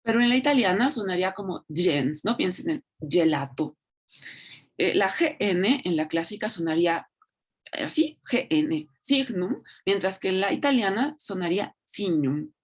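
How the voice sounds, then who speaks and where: A woman's voice: mid-range voice, expressive, normal speed, husky. A woman giving an online lecture, speaking unhurriedly with frequent fillers and tag questions. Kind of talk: online lecture on Latin pronunciation.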